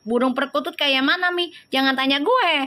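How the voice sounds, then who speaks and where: A woman's voice: high voice, normal speed, sharp tone. A woman hosting a live tarot reading, chatting and teasing her viewers as she reads their comments. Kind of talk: casual live-stream tarot reading and chat.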